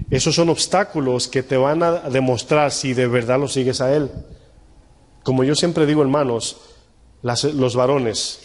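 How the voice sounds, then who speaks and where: A man's voice: on the high side, a little mellow. Preaching male pastor in a reverberant church. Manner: conversational preaching with rhetorical questions to the congregation. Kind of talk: sermon.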